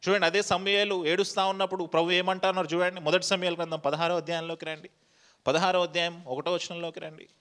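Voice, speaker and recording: A man's voice: sits high, level tone, fast talker, a bit bright. A male pastor giving a sermon, firing rhetorical questions at the congregation and dropping English phrases into his preaching.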